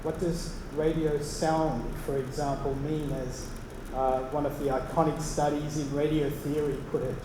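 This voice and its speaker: A man with an Australian accent, an associate professor speaking to an open-house audience in a measured way, with frequent ums. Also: fairly high pitch, level tone. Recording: very echoey hall with background noise.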